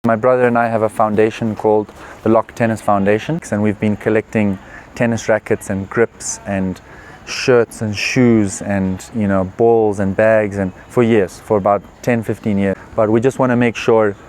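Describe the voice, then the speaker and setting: A young man with a somewhat low voice answers interview questions in a relaxed, earnest way. He often pauses on "uh" and "you know" as he thinks. A faint background noise runs under the recording. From Zimbabwe. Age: 20s. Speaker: professional tennis player. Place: tournament venue.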